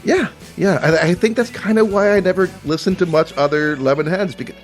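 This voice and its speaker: A man hosting a podcast, talking about an album in a relaxed, chatty, self-deprecating way. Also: high-pitched, brisk, faint music behind. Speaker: podcast host. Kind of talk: casual chat about music.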